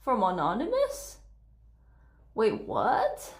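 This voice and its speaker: A woman's voice: on the high side, wildly swooping pitch, takes it slowly. A woman chatting casually on a livestream in a playful, girlish way, thanking her subscribers. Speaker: live streamer.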